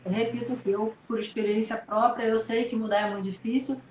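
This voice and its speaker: A woman's voice: on the high side, steady tone, fairly quick, darkish tone, reverberant, slight background noise. A woman doctor hosting a live-stream conversation, speaking in a reflective, encouraging way.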